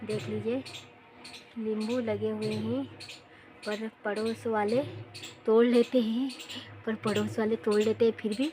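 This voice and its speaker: A woman's voice: on the high side, little pitch movement, measured pace, pauses often. Chatty woman showing round her home. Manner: chatty, repeats phrases, talks straight to viewers. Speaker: home vlogger. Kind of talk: casual home tour vlog. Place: home and garden, outdoors.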